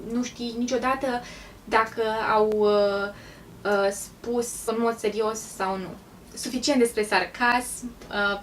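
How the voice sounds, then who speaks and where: A chatty woman from Romania tells stories to her viewers in a relaxed vlog, often pausing on an um. Her voice sits a touch higher than most and comes from a little way off the mic. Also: distant mic, a little hiss or hum. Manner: chatty, pauses with frequent ums. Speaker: vlogger. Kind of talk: casual vlog storytelling.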